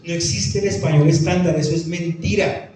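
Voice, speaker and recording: Speaking at a normal pace in a fairly high, steady, slightly mellow voice, a man with a Tolima Colombian accent lectures on the Pijao language and takes audience questions. He repeats phrases emphatically and imitates quoted voices. The echoey hall puts him at a distance, and there's a little hiss or hum.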